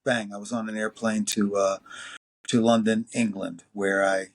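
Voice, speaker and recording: A man in his sixties with a New York accent, telling long anecdotes as an interview guest, full of fillers and lively quoted voices. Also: fairly low pitch, moderate pace. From New York City. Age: 60s. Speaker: music producer and engineer guest. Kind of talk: casual interview storytelling.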